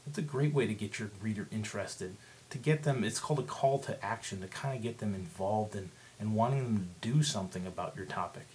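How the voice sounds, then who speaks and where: A man with a fairly low voice gives a relaxed, conversational writing lesson, stepping through each point and asking his listeners rhetorical questions. A faint hiss sits beneath the recording. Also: fairly quick. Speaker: teacher. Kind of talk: instructional screencast lesson.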